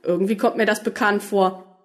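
A woman reading the lines of a quirky, excitable male alien time traveller in a storybook. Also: medium pitch, moderate pace, lightly acted. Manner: excitable, rambling, lively.

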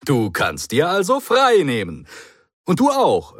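A man's voice: on the high side, huge pitch swings, a little slow, fairly bright tone, breathy edge, no echo, clean studio sound, pitched above the performer's own voice, heavily acted. A man voicing an eccentric, cheerful alien time traveller who talks in a breezy, theatrical, joking way.

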